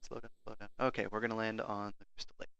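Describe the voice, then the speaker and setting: A man's voice: on the low side, flat delivery, fast, gravelly, a bit bright, clean tone, no echo, muffled recording. A man giving casual running commentary on his game, talking to himself and his character. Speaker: gameplay video host.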